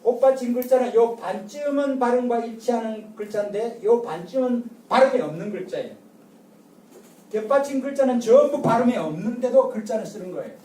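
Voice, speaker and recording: Older lecturer, mellow tone, quizzing the class with repeated questions; picked up from a distance in a reverberant room. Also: medium pitch, lively intonation, brisk. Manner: drills the audience with call-and-response and repeated rhetorical questions. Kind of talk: public lecture. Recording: echoey lecture room from far off.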